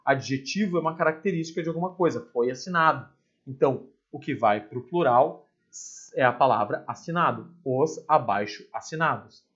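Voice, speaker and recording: A man's voice: medium pitch, moderate pace, fairly bright tone, highs cut off. A male teacher explains grammar in a chatty way, asking rhetorical questions and dropping asides. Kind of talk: recorded grammar lesson.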